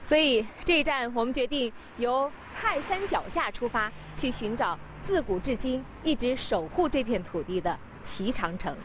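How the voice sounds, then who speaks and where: A woman hosting a travel show on location, presenting in a friendly, expressive way. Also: on the high side, normal speed, few pauses, noisy background.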